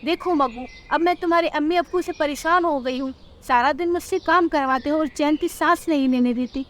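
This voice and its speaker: List: woman playing a cartoon daughter-in-law crow, irritated, nagging, high voice. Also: a little fast, fairly bright tone. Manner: complaining, ultimatum-giving. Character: fed-up young daughter-in-law crow, sharp-tongued.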